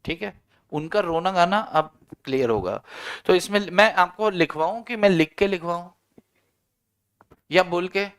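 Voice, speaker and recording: A man's voice: sits high, lively intonation, unhurried, long pauses, a bit bright, clean tone. A male economics teacher giving a conversational classroom lecture, putting questions to his students and answering them himself.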